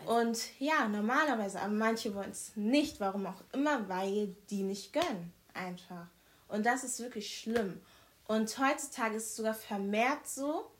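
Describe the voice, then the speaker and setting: Young woman guest w a really loud voice, bit high, talks in quick emphatic bursts. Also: a little hiss or hum. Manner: emphatic, quick bursts, says "ich schwör". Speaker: podcast guest. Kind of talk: casual chat.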